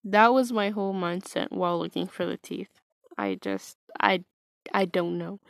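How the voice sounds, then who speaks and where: A woman's voice: lowish voice, moderate pace, gravelly, dry recording, studio quality. A woman casually telling a personal story, hesitant and wry, full of fillers and restarts. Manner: wry, self-mocking.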